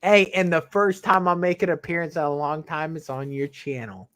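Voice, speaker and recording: A man chatting as a returning guest on a stream, animated, swearing, with rambling restarts. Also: fairly high pitch, normal speed, dry recording. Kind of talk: casual chat.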